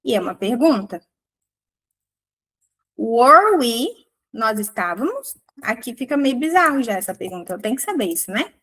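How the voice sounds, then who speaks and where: A woman teaching an English grammar lesson in a playful, theatrical way, laughing often and reading English examples slowly. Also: fairly high pitch, big pitch swings, a bit bright, slightly rough, poor audio. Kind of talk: casual online English lesson.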